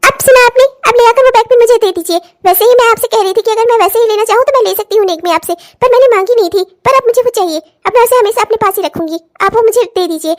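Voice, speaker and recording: A woman playing a spoiled, demanding young sister-in-law in a cartoon comedy. Her very high voice turns whiny and sulky whenever she does not get what she asks for. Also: fast, hardly any pauses. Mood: smug. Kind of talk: cartoon voice acting.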